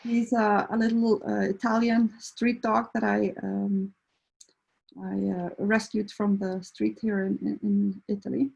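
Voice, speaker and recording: A middle-aged woman from Iceland talks through a casual introduction as a veterinarian. Her voice has a gravelly fry and a husky edge. She pauses often and restarts her sentences. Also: mid-range voice, level tone, darkish tone, highs cut off. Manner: hesitant, many fillers and restarts. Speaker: veterinarian and behavior counselor.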